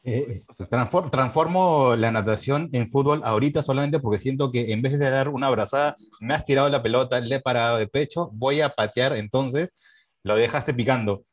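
A man's voice: medium pitch, moderate pace. A man hosting a casual interview, jumping in to explain terms for the listeners. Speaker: host, interviewer.

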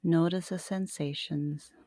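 A woman guiding a sleep meditation like a sleep story narrator, soothing and unhurried, with long pauses between short phrases. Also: low-pitched, fairly even intonation, dark tone, dry recording. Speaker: yoga nidra meditation teacher.

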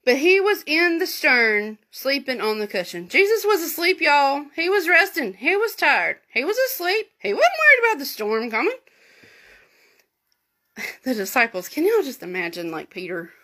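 A woman telling a Bible story in a chatty, animated way, full of folksy asides. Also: high voice, moderate pace. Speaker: Bible teacher. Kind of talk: informal Bible lesson storytelling.

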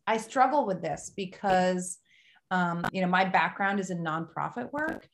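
A woman's voice: on the low side, animated, a little slow, background noise. Hesitant woman host thinking aloud. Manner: hesitant, searching, many fillers. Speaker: podcast host. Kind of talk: casual interview chat.

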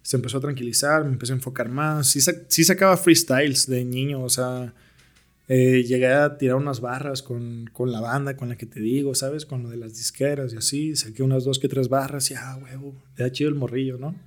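A man's voice: mid-range voice, fairly even intonation, fairly quick. A young man with a Mexican accent, a podcast guest telling stories in slangy, laid-back talk. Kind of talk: casual storytelling interview.

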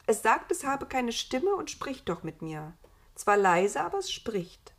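A woman's voice: a little high, big pitch swings, a little slow, voice pushed up, exaggerated voice. A woman voicing Eva, a curious, inventive young woman, in a storybook reading, eager and thoughtful. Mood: musing.

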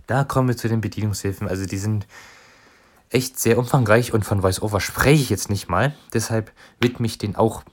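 A man giving a relaxed, conversational walkthrough of phone settings for his viewers. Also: fairly low pitch, fairly quick. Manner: relaxed, conversational explaining with fillers. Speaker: tutorial presenter. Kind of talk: casual explanatory walkthrough.

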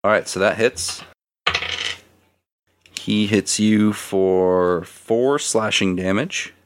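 A man narrating as game master of a tabletop game in a relaxed, hesitant way. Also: on the low side, extremely slow, a little hiss or hum.

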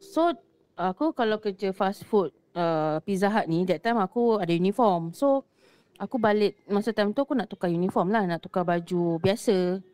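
A woman's voice: mid-range voice, moderate pace, clear, resonant tone, no echo. A young woman from Singapore, casually telling a ghost story, mixing in English words and acting out what people said. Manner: lively, mixes English words, acts out quoted voices. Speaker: guest storyteller.

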